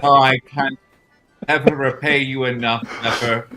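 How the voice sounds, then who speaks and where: A man's voice: medium pitch, steady tone, measured pace, soft background music, poor audio. A man putting on a sobbing, theatrical town guard. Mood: overwrought. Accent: failed attempt at Scottish. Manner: loud, theatrical public apology. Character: overwrought, tearful disguised male town guard.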